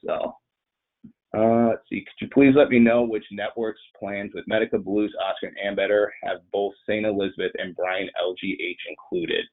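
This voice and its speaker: A man with a lowish, steady voice speaks at a moderate pace over slight background noise, presenting and fielding questions in an informal online webinar. He sounds nasal and congested from a cold and talks in a conversational, rambling way, captured in muffled, band-limited webinar audio.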